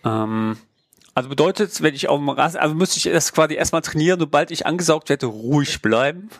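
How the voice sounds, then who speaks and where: Gravelly man asking hesitant questions. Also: on the high side, animated, fairly quick, no echo, clean studio sound. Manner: hesitant, searching for words with frequent fillers. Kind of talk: conversational interview questions.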